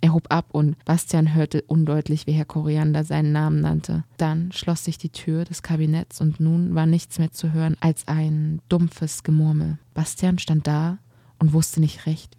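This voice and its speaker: A woman reading a story aloud as the audiobook narrator, calm and measured. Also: deep voice, gravelly, no room sound, clean studio sound.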